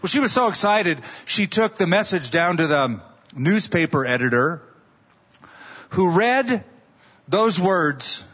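A man's voice: high voice, very animated, slow, a bit bright, breathy edge, big-room sound, dull audio. Man preaching at a pulpit microphone. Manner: conversational storytelling with rhetorical questions. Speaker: pastor. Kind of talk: sermon.

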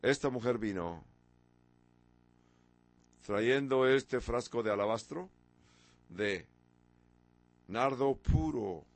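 A man in his sixties delivers a sermon in a mid-pitched voice. He strings together rhetorical questions and leans hard on key words, sometimes slowing to a deliberate crawl. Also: lively intonation, no room sound. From from abroad, a country once ruled by an emperor. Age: 60s. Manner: rhetorical questions, emphatic with sudden rises. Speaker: preacher.

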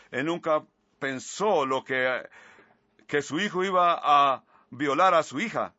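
A man's voice: medium pitch, bright, forceful tone, no room sound. A man preaching a sermon, earnestly retelling scripture with asides, on a slightly muffled recording.

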